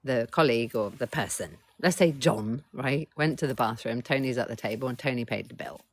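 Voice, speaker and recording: A woman's voice: extremely low pitch, brisk. A middle-aged woman coach hosting a casual live stream, talking bluntly, swearing freely, and keeps urging viewers to reply in the chat.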